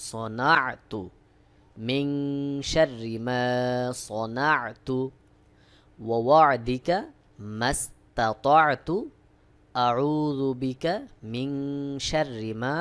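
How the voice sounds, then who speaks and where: A Bengali-speaking man with a Bangladeshi accent teaches Arabic recitation in a mid-range, slightly bright voice. He spells out each syllable slowly, then repeats the word with the syllables joined.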